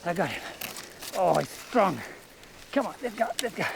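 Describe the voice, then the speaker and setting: A wildlife presenter talking to camera outdoors in the desert, excited and animated while handling animals. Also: male voice, high-pitched, normal speed, creaky, background noise.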